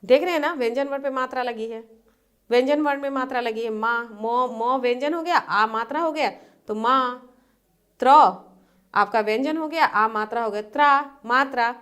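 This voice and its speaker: A woman with a slightly raised pitch teaches a primary-school lesson. She moves through each point step by step, asking questions and answering them herself, and repeats key definitions. Her delivery is patient and steady. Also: normal speed, clean tone. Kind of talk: classroom lesson.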